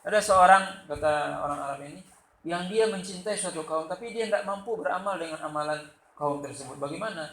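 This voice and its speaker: A man from Sumatra with a Sumatran Indonesian accent, giving a loud, lively religious lecture and acting out the quotes in his stories. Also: fairly high pitch, a little fast. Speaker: religious teacher. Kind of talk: study-circle lecture. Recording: echoey room with faint background noise.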